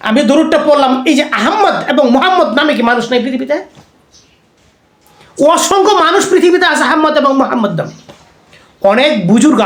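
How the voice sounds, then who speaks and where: Quick high-pitched preacher, chatty religious lecture, keeps asking the crowd questions, echoey room. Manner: conversational, keeps asking listeners rhetorical questions. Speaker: Islamic preacher.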